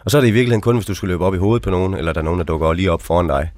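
Deep-voiced man telling war stories. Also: steady tone, darkish tone, no echo, studio quality. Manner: frank, conversational, tags sentences with questioning asides. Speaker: interview guest, army veteran. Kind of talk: casual storytelling.

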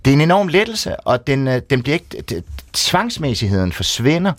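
A Danish man telling a wild personal story on a radio show. His pitch swings up and down as he talks. The voice is close and dry, with no room sound. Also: no echo. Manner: lively storyteller, acts out shouting people. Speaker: guest storyteller. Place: radio studio.

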